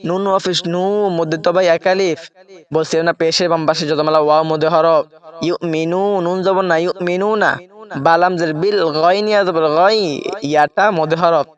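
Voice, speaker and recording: In a muffled recording, a man with a slightly high voice teaches Quran reading step by step, keeping a steady tone and a brisk pace. He spells out letters and vowel marks and checks in often with his listeners.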